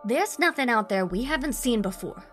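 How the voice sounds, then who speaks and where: A woman's voice: on the high side, lively intonation, normal speed, faint music behind, voice pushed up, lightly acted. Woman doing a furious male soldier, swearing, scornful, raised strained voice. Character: angry defiant male WWI soldier, cursing.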